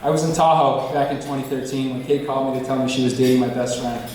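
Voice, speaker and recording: A man's voice: mid-range voice, flat delivery, fast talker, a little hiss or hum. A man giving a prepared best man's speech to wedding guests. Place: large indoor reception venue. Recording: echoey hall, distant, loud crowd.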